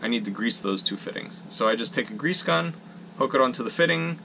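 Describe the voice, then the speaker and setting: Holding the camera at arm's length inside his boat's small wooden cabin, a young man walks viewers through his gear in a practical, self-mocking way. This sailing vlogger's medium-pitched voice is expressive, brisk, creaky, bright and forceful. The low-quality recording has slight background noise.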